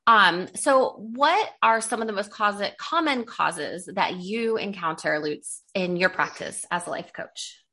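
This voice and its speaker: Bright-voiced chatty woman host. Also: mid-range voice, lively intonation, a little slow. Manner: chatty, addresses listeners directly. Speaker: podcast host and fitness coach. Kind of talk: casual podcast conversation.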